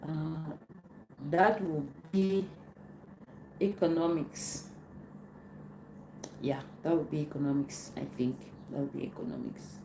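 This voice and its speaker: A woman from Cameroon, hosting a casual live Q&A and answering viewer questions, unhurried and often repeating herself as she searches for words. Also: deep voice, steady tone, music in the background. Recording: roomy echo, faint background noise.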